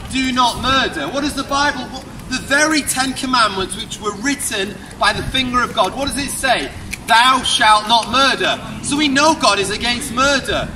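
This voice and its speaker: A man in his thirties from the UK preaching an open-air street sermon, projecting loudly and firing rhetorical questions at passers-by. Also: very high-pitched. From United Kingdom. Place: outdoor pedestrian shopping street. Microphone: far camera, unmiked open air. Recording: distant voice with street noise. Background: street ambience and passers-by.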